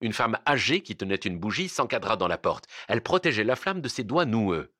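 A man narrating an audiobook in an expressive, dramatic reading on a close mic. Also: fairly low pitch, brisk, no echo.

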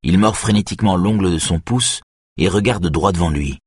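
A man narrating an audiobook thriller in a steady, measured way. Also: sits low, slightly rough, no room sound, studio quality.

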